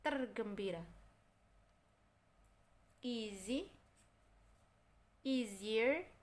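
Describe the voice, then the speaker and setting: A woman with an Indonesian accent teaching English grammar. She repeats example words and keeps checking that her listeners follow. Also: on the high side. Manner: repeats example words slowly, checks understanding with "kan?" and "oke?". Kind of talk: explaining grammar in a recorded lesson.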